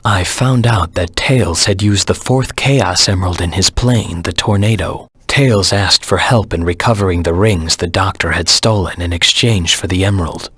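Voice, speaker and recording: A man voicing a brooding, stern hedgehog antihero in a video game, with a raspy, serious, clipped delivery. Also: normal speed, hardly any pauses, fairly bright tone, dry recording. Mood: focused, determined. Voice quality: raspy, gravelly low voice. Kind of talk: scripted video game character lines, mission recaps.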